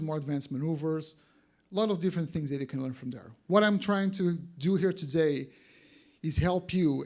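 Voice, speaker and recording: At an expo, a man with a Portuguese accent chats directly with his audience during a casual live talk. His voice is fairly high and a bit mellow.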